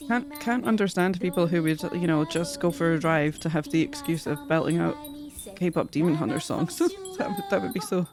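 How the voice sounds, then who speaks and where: A woman's voice: fairly low pitch, big pitch swings, moderate pace. A woman streamer chatting playfully with her viewers while she draws, laughing often. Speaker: streamer sketching game characters. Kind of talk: casual live-stream chat with viewers. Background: music playing in the background.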